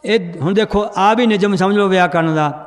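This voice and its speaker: A man's voice: high voice, normal speed. A man teaching a recitation class in a large hall, quizzing the students and correcting how they read. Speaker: scripture pronunciation teacher. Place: large hall with a seated congregation. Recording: long hall reverb.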